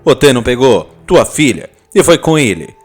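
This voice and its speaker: A man voicing a jealous, hot-tempered Italian husband with an Italian accent, fast and scolding. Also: mid-range voice, very animated, slightly rough. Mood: angry.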